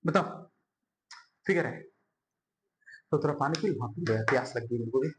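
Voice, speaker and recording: A man's voice: medium pitch, moderate pace, noisy background. A young man teaching a board-exam math lesson at a whiteboard, chatty and friendly, calling students bhai and yaar and repeating words as he draws.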